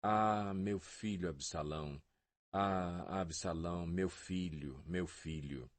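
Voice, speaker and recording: A man's voice: sits low, takes it slowly. A man reading as a grieving old king. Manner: mournful crying out.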